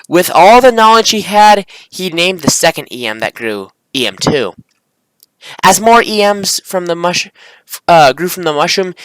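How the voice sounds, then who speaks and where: A video creator who also makes amateur visual novels reads their own script aloud, stumbling, correcting themselves, and tossing in casual slangy asides. The voice sits mid-range with a fairly bright tone, and the low-quality recording has no echo.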